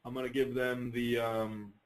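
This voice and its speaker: The recording is rough as a man presents a casual, unscripted software walkthrough over a conference call, thinking aloud and wandering a bit. His mid-range voice shows little pitch movement at a normal speed.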